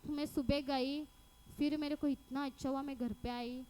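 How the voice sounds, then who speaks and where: A young woman with a Mumbai Hindi accent shares a personal testimony at church in a high voice. She tells the story with animation and acts out the lines she once spoke. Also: moderate pace. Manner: animated storytelling, acting out her own past words. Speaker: church member giving testimony.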